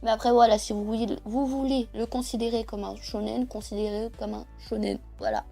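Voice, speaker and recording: A young woman who reviews manga chats to camera about comics she recommends, hesitant and full of fillers. Her fairly high voice is level, creaky and mellow, and she talks a little fast. Faint music plays in the background of this casual video monologue.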